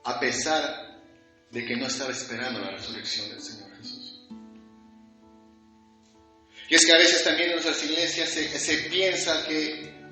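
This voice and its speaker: A man's voice: high-pitched, sharp tone. A man preaching a fervent sermon, piling up repeated phrases and acting out short quoted exchanges. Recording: very echoey room with faint music.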